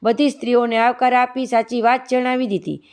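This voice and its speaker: A woman reading a devotional folk tale aloud in a steady, measured recital. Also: on the high side, smooth. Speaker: storyteller of a devotional channel.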